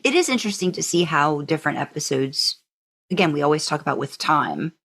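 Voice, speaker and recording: A woman co-hosting a podcast talks casually and emphatically like an enthusiastic fan. Her voice sits low, with a fairly bright tone, and she speaks expressively and fairly quickly.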